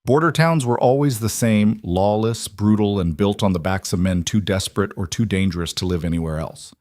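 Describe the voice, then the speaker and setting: A man's voice: lowish voice, fairly quick, a little mellow, no echo, clean studio sound. A man reading a dramatic western story as scripted narration.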